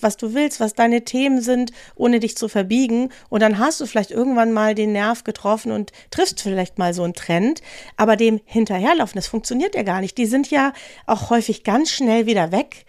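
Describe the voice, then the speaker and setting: A woman's voice: fairly high pitch, a little mellow, no echo, studio quality. A woman in her fifties co-hosting a podcast, speaking in a direct, emphatic, conversational way. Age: 50s. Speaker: podcast co-host. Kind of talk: casual discussion.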